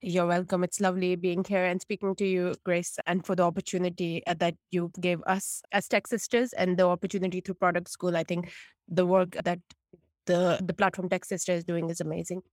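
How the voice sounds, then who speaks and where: A woman's voice: on the low side, little pitch movement, a little fast, a little mellow, dry recording. A woman in her late twenties from Pakistan, a tech consultant chatting candidly as a podcast guest. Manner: chatty, candid, many restarts. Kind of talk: podcast interview.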